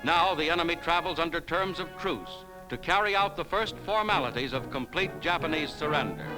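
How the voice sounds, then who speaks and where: A man delivering 1940s newsreel narration in a brisk, emphatic announcer style, as on an old newsreel recording. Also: a little high, low-quality recording. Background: loud music bed.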